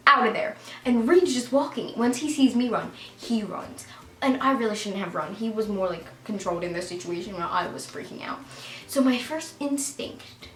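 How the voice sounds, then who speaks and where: A woman casually telling a storytime tale, animated and full of "like" fillers, getting loud when she gets excited. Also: mid-range voice. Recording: roomy echo with faint music.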